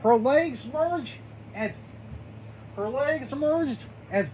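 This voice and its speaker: An amateur storyteller improvises a story in a slow, halting way. They restart lines and spell out invented names. The pitch rises and falls a lot. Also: animated, a little mellow, a little hiss or hum, poor audio.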